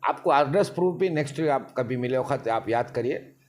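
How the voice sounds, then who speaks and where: A man's voice: medium pitch, lively intonation, fairly quick, darkish tone. Man, interview guest, emphatic, long winding explanations. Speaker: interview guest, party leader. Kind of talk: casual interview talk.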